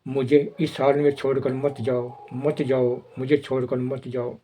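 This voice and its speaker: A man's voice: medium pitch, level tone, a little slow, warm tone, slight background noise, close to an everyday voice. A man reading the lines of a desperate young wife in a retold film story, in a slightly raised reading voice. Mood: pleading.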